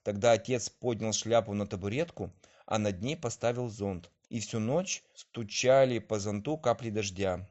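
A man narrating a children's story with an expressive, lively reading, on a dull lo-fi old recording. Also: fairly low pitch, moderate pace.

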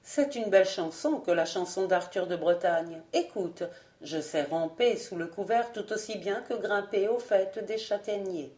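A woman voicing a strange young albino man who speaks gently and sadly, in a roomy-sounding audiobook. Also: medium pitch, measured pace, natural voice. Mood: earnest. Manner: gentle, melancholy. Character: young albino man, wild, soft and melancholy.

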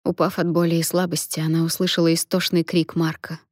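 A woman reading a novel aloud in measured, even narration. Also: fairly low pitch, no room sound, clean studio sound. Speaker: audiobook narrator. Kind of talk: scripted narration.

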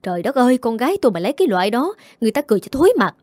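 A woman voicing a proud, domineering older mother who scolds in rapid, shrill tirades. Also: big pitch swings, dark tone, no room sound, studio quality. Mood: furious scolding.

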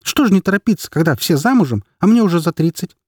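A man's voice: sits high, lively intonation, fast talker, a little mellow, slightly rough, dry recording, clean studio sound, pitched above the performer's own voice. A man doing a scolding, exasperated mother. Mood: complaining. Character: harried Soviet-era mother, woman in her thirties.

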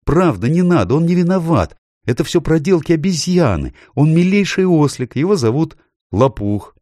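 Male narrator doing a plucky young girl, raised pitch, eager and quick. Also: sing-song, mellow, dry recording, studio quality. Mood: pleading. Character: brave, cheeky young girl scout.

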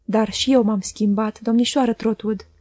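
A woman's voice: fairly high pitch, steady tone, mellow, no room sound, clean studio sound, natural voice. A woman reading as a fawning, oily male clerk.

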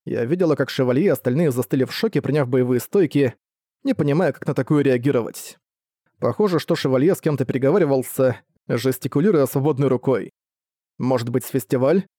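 A man narrating a first-person novel as an audiobook reader, steady and even. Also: mid-range voice, fast talker, no room sound, studio quality.

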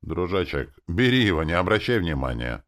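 A man's voice: deep voice, sing-song, normal speed, fairly bright tone. A man doing a stern scolding elf father. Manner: strict, scolding. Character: stern grieving elf father, middle-aged.

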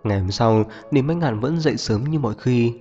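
A man reading a novel aloud as narrator at a steady pace. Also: mid-range voice, brisk. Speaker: audiobook narrator. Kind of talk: scripted narration. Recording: muffled reverberant audio, faint music.

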